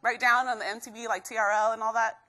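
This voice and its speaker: Bright, upbeat young woman from Guatemala. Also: fairly high pitch, quick pace. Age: young adult. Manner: energetic, keeps quizzing the crowd. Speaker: motivational speaker. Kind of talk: live motivational talk to students.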